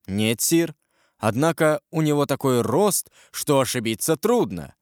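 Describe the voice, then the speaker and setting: A man playing a quiet, sly young king who answers in a calm, reserved way. The voice still moves with lively pitch. The storybook recording is dry and close. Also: a little slow, no room sound.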